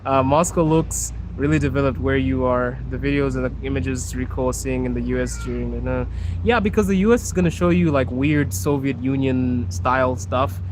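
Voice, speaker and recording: A man from Zimbabwe live-streaming as he walks outdoors, chatting casually and reading viewer comments aloud. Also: medium pitch. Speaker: streamer and podcast host. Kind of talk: live-stream walking chat. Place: outdoors on city streets. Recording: noisy outdoor street recording. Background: traffic and street noise.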